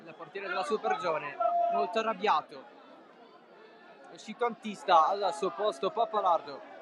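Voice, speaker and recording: A man giving live football commentary, breathless and excited in the Italian goal-calling manner, bursting into shouts. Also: high-pitched, moderate pace, heavy background noise. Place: outdoors at a football ground. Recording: loud crowd and music, outdoor stadium. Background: loud crowd and music.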